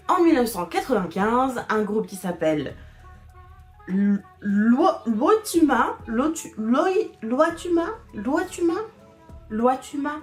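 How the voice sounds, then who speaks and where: A woman narrating a casual explainer voice-over. She hesitates a lot, fills pauses and restarts her sentences. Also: medium pitch. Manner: hesitant, many fillers and restarts, laughs often. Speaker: video creator explaining internet history. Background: faint background music.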